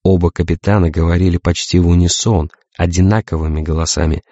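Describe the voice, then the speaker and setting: A man narrating an audiobook in a measured, even storytelling manner, from a dull lo-fi recording. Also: low-pitched, dry recording.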